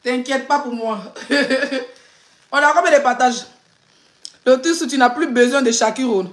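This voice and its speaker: Woman influencer, high chatty voice, teasing live-stream rant in a roomy space. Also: a little slow. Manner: chatty, laughing, teasing and ranting. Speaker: blogger and influencer. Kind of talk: casual live stream chat. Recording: roomy echo.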